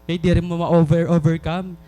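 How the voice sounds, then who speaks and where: A Filipino-accented man preaching with a fairly high voice. He keeps turning to the congregation with questions and slows down to press his main points home. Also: little pitch movement, mellow. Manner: switches between Waray and English, asks the congregation questions. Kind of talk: sermon.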